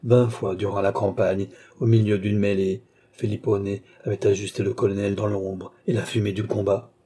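A male audiobook narrator with a low, husky voice and a dark, mellow tone. He reads a classic novel in measured, steady narration.

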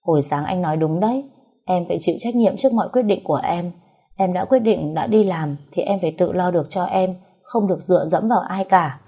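Woman as stubborn young heroine in a storybook, insistent, warm voice. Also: fairly low pitch, brisk, slightly rough.

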